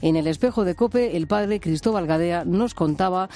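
A man reading news reports in a steady, even scripted delivery. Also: high-pitched, normal speed.

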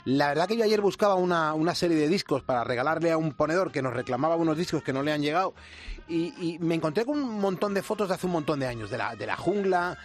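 A middle-aged man hosts a late-night radio show, rattling along at a quick clip. His voice sits a bit high for a man, and his talk is chatty and joking, full of fast restarts. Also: expressive. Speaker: radio host. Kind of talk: casual radio chat. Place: radio studio.

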